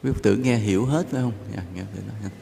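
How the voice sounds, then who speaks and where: Male monk, low gravelly voice, relaxed dharma talk, reverberant temple hall, faint ambience. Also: racing, slight background noise. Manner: relaxed, conversational, gently joking. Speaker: Buddhist monk teacher.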